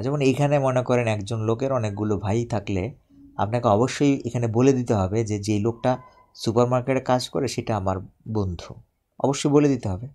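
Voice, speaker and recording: A man teaching English grammar in a live online lesson, explaining slowly and repeating himself while checking that viewers follow. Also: mid-range voice, warm tone. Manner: repetitive, explains step by step, asks viewers to confirm.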